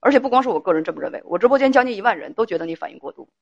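Quick blunt livestream advice host. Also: mid-range voice, lively intonation, vocal fry. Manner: blunt, emphatic, repeats key phrases. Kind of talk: relationship advice talk. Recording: dull dry lo-fi stream audio.

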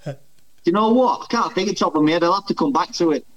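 A man's voice: high-pitched, expressive, fast talker, a bit bright, dull audio. A man, a former footballer, chatting casually as a podcast guest, thinking aloud and laughing easily. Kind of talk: casual chat.

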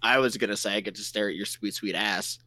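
A man's voice: on the low side, quick pace, bright, forceful tone, no echo. Laughing, foul-mouthed man in banter. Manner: laughs a lot, swears, mock-threatening banter. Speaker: podcast guest. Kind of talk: casual joking chat.

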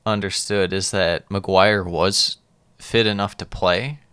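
A man's voice: deep voice, steady tone, measured pace, fairly bright tone, clear, resonant tone, dry recording. A man hosting a casual sports podcast, talking through soccer matches conversationally. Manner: conversational, asks co-host for opinions.

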